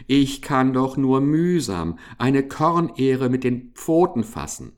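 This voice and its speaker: A man voicing a clever little female field mouse who pleads and whines in a high, plaintive voice. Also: darkish tone. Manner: whining, pleading, sighing.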